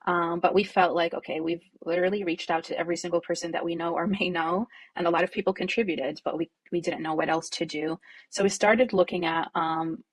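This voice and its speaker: A woman who co-founded a nonprofit, originally from Jordan, answering interview questions in a reflective, conversational way with frequent fillers and soft laughs. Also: on the low side, steady tone, brisk, husky.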